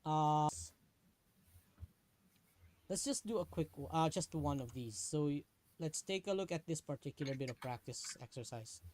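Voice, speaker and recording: A man's voice: a little high, expressive, moderate pace, pauses often, a little mellow. Patient male tutor teaching live. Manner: patient, checks understanding often. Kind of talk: live online lesson.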